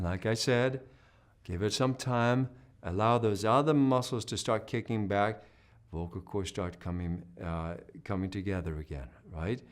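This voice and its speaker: This singing teacher's voice sits on the low side with a darkish tone. Teaching an online video lesson, he explains things patiently, keeps asking "right?", and breaks off to demonstrate hoarse and humming sounds.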